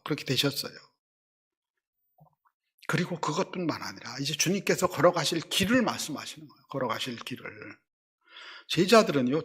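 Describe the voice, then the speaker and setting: A middle-aged man, a senior pastor, preaching a sermon, telling stories and acting out quotes, dropping between loud emphasis and hushed asides. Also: medium pitch, slightly rough.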